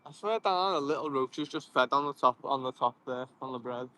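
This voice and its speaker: Fishing outdoors beside cold water, a young Liverpool vlogger chats casually on his live stream, frequently laughing and replying to viewer comments. He has a Scouse accent and a sharp-toned, medium-pitched voice that moves fairly quickly.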